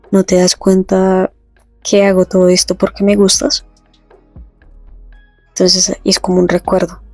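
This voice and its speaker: A woman casually retelling a comic story, reading the characters' lines slowly and chatting between them. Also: lowish voice, dark tone, dry recording. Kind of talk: casual comic recap with read-out dialogue.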